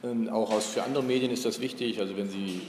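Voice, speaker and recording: A man giving a university lecture, relaxed and thinking aloud with many fillers. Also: fairly low pitch, fast talker. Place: lecture hall. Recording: roomy echo in a lecture hall, faint room noise.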